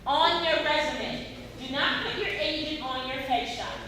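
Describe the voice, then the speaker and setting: Woman, acting teacher, lively and questioning; high voice, distant, noisy room recording. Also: unhurried. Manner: lively, asks the class many questions. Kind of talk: classroom workshop teaching. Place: classroom. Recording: echoey room, far from the mic, noisy.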